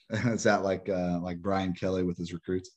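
A man co-hosting a podcast, chatting casually about sports in a rambling, halting way full of restarts. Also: deep voice, little pitch movement, a little mellow. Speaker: podcast co-host.

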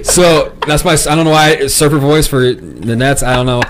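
A man's voice: medium pitch, normal speed, background noise. Laid-back chuckling male co-host. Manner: laid-back, rambling, laughs while talking. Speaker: podcast co-host. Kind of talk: sports comedy podcast chat.

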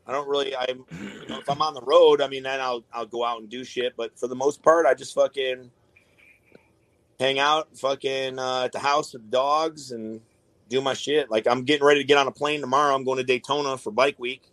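A man's voice: medium pitch, a bit bright, dry recording. A man in a casual podcast chat, talking in a laid-back, rambling way with lots of swearing. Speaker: guest, tattoo artist.

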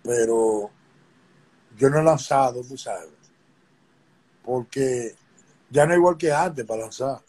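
A man's voice: mid-range voice, slow pace, pauses often, a little mellow, breathy edge, rough recording. A middle-aged man, chatting casually as a guest artist in an interview, laid-back and streetwise, often checking that he is understood. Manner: laid-back, streetwise, keeps asking "¿tú me entiendes?".

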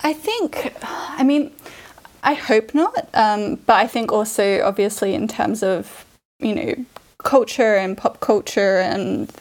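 A female writer is a guest on a podcast. Her voice sits at a middle pitch. She thinks aloud and reflects as she answers, padding her points with casual fillers. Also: takes it slowly. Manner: thoughtful, filler-heavy, laughs easily. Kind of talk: interview answers.

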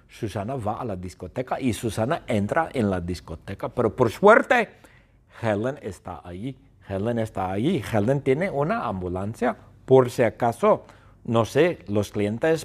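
Man, teacher, animated storytelling with sound effects, slow and swooping. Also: on the high side. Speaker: Spanish teacher. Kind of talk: storytelling lesson for students. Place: classroom.

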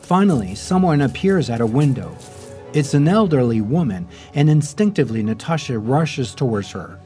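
Man narrating a dramatic true story over soft music. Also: medium pitch, animated. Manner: measured, dramatic storytelling delivery. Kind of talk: scripted documentary narration. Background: faint background music.

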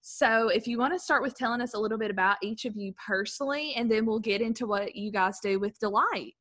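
A woman's voice: fairly high pitch, fast talker, fairly bright tone. A young woman with a Southern US drawl, hosting a casual podcast chat in a friendly, effusive way. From east of Nashville, Tennessee. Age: young adult. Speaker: podcast host.

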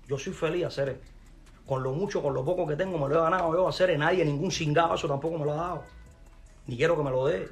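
A man from Cuba with a Cuban accent, a musician ranting angrily at someone, repeating himself and cursing. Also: fairly high pitch. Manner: repetitive, heated, cursing, ranting. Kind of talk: angry rant to camera.

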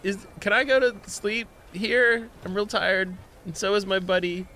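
A man playing a tabletop game casually, making halting, hesitant requests. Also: high-pitched, sharp tone, a little hiss or hum. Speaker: player. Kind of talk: casual tabletop role-play.

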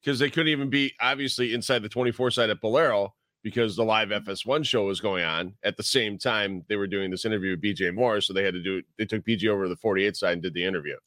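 A man's voice: on the low side, quick pace, hardly any pauses, a bit bright, dry recording. A man co-hosting a bowling podcast, explaining details in a matter-of-fact, casual way. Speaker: podcast co-host. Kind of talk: casual chat.

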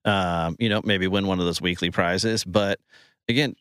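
Male podcast host, lowish voice, casual and halting, recording from inside a closet with no room echo. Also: smooth, studio quality. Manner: relaxed, repeats words while thinking.

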